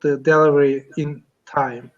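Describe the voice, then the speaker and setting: A computer engineer from Turkey who is learning English chats casually during an online lesson, speaking slowly and haltingly with a Turkish accent. His somewhat high voice shows little pitch movement, and he fills pauses with "uh" while hunting for words. The video call audio sounds dull and muffled.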